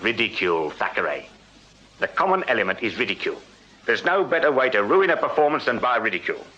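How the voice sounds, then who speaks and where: Bright, brisk Victorian English police sergeant, Sergeant Cribb. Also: male voice, medium pitch, big pitch swings, a little hiss or hum. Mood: wry, intent. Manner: brisk, probing, wry. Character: shrewd, firm, courteous Victorian male police sergeant. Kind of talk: full-cast radio drama acting. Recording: slightly dull radio drama recording.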